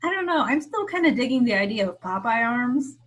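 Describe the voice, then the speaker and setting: Husky-voiced woman cracking dry jokes. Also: on the high side, very animated, brisk, a bit bright, rough recording. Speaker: robot team member. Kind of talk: casual chat on a video call. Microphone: video call.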